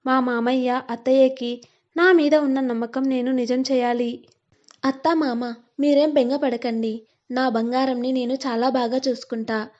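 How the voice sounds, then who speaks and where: Woman reading as a young man, teasing fiancé, high voice, mellow tone, playful, storybook role, dull lo-fi sound. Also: fairly even intonation, measured pace. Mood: playful, doting.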